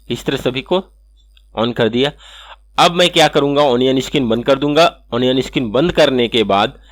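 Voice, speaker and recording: A man hosting an animation software tutorial, walking through each step and checking in with "okay" again and again. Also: medium pitch, dry recording. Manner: step-by-step, repeats "ठीक है" often. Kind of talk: screen-recorded software tutorial.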